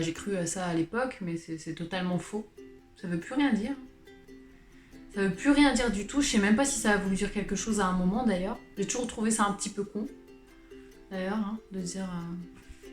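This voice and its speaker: A late-twenties woman vlogger and channel host, Swiss-born of Portuguese heritage, talks to camera in a casual, confessional, rambling way, colloquial and self-mocking, with sighs and laughs. Her pitch is middling, the room echoes, and faint music runs behind her.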